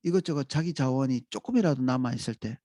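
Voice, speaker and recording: A man preaching a dawn sermon as pastor, in a calm, reflective way with pauses. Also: medium pitch, dry recording.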